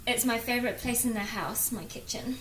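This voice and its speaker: A woman's voice: a little high, fairly quick. A woman with a broad New Zealand accent chatting casually and informally as she hosts a cooking livestream and greets viewers. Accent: broad New Zealand (Kiwi). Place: indoor home kitchen. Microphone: phone, at a little distance. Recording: echoey room, clear kitchen noise. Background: sizzling pan, stirring, kitchen noise.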